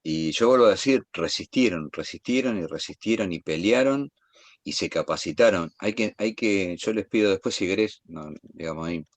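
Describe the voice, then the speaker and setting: Deep-voiced, eager Argentine man. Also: no room sound. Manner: eager, rushing to say many things at once. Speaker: guest speaker. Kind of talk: impassioned talk.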